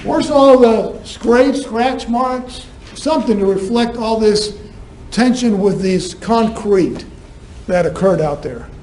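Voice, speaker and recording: A man's voice: high-pitched, slow pace, a little mellow. A man giving a prosecutor's closing argument in a courtroom, arguing point by point and firing rhetorical questions at the jury. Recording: echoey courtroom, distant mic, faint room noise.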